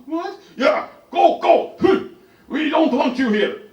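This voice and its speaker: A man putting on a furious old man who shouts and scolds. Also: extremely high pitch, expressive, slow pace, highs cut off, voice pushed up, full character voice. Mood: angry scolding. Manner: yelling, scolding. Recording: roomy live venue, distant mic.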